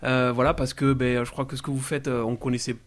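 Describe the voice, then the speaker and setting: A man's voice: medium pitch, level tone, fast talker. A man from a guest band, thanking the hosts earnestly and promoting a concert on a local radio show. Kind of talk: casual radio chat.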